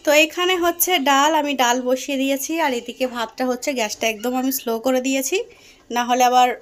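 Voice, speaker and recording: A woman's voice: high voice, fairly even intonation, quick pace. A young woman and mother chatting casually in a home vlog, narrating her cooking step by step and talking tenderly to her daughter. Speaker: vlogger and mother. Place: home kitchen.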